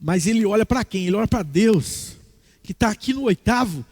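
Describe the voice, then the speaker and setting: A man preaching a sermon as a pastor in a church, animated, acting out the voices in his teaching. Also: high voice, normal speed, breathy edge.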